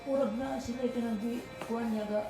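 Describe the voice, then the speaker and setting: Polite patient, echoey room. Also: male voice, very high-pitched, steady tone, fast talker, dark tone. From Philippines. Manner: short polite replies, says sir often. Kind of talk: answering a therapist's questions. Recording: echoey room with music playing.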